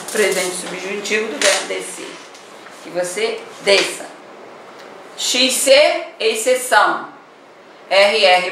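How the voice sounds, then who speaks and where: A woman's voice: mid-range voice, gravelly, fairly bright tone, slight background noise. A woman teaching a primary school reading lesson, patiently explaining and often checking in with the children. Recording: echoey room, mic far off.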